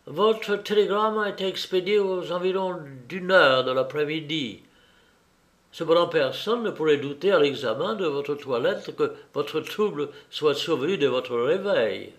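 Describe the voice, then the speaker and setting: A man reading an audiobook, voicing a brilliant, restless male detective with a brisk, precise, self-assured manner. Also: on the high side, lively intonation. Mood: wry, assured.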